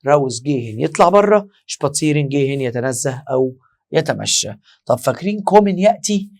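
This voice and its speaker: A man with an Egyptian Arabic accent teaching German for exams. He explains step by step, repeats words slowly and quizzes his students. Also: on the high side, expressive, darkish tone. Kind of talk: exam-prep lesson.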